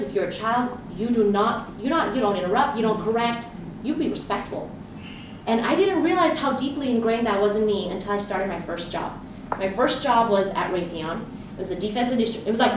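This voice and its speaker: A leadership coach whose first language is Romanian, raised in Southern California, gives a live conference presentation, energetically telling stories and voicing her own thoughts. Her medium-pitched voice is distant and echoes through a very reverberant room with steady background noise.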